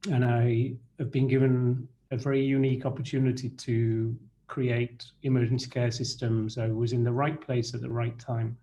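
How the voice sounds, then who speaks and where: A middle-aged man from Britain lectures over a video call in a mellow, darker voice. He talks at a measured pace, often pausing with fillers and restarting phrases. A faint hiss of noise sits behind him. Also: mid-range voice, flat delivery, dull audio. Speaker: guest lecturer. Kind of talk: online lecture.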